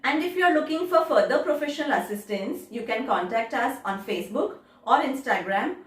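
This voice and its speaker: A woman tutor giving a formal, measured lesson on speaking test tips. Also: high-pitched, expressive, recorded from a distance. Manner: formal, measured, instructive delivery. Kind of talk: instructional video lesson. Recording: very echoey room, voice set back from the mic.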